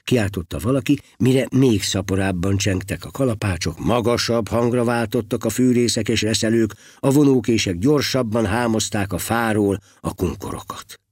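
A man narrating a story in an expressive, dramatic reading style. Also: on the low side, hardly any pauses, breathy edge, dry recording, studio quality. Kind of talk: audiobook storytelling.

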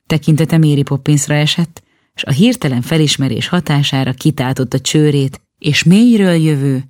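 Female audiobook narrator, low, steady storytelling, dry studio sound. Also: no room sound.

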